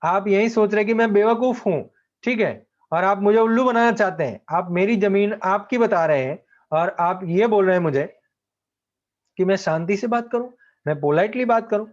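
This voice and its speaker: A man's voice: high voice, moderate pace, lo-fi sound, pitched above the performer's own voice, lightly acted. A man voicing an indignant, quarrelsome young male landowner from a play. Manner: indignant, insisting loudly.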